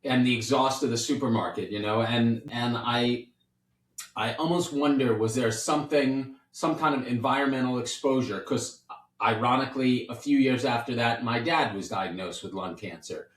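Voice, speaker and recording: A man's voice: mid-range voice, moderate pace, far from the mic. A man in his fifties from New York City, a doctor hosting a casual podcast, chatty and playful, rambling with restarts. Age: 50s. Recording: roomy sound, set back from the mic.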